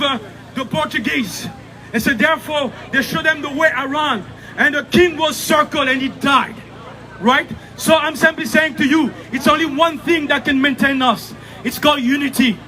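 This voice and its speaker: A man's voice: extremely high pitch, pushed and bright, low-quality recording. A man with a Congolese accent giving an impassioned, declamatory political speech at a street demonstration, repeating phrases and putting rhetorical questions to listeners. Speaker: rally speaker. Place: outdoors in a city, at a demonstration. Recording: outdoor street recording with crowd noise.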